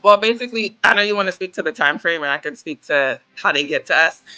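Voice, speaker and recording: Bright, crisp-voiced woman founder. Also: on the low side, lively intonation, quick pace, dry recording, highs cut off, soft background music. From Guyana. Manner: upbeat, confident explaining. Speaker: company founder. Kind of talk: business interview.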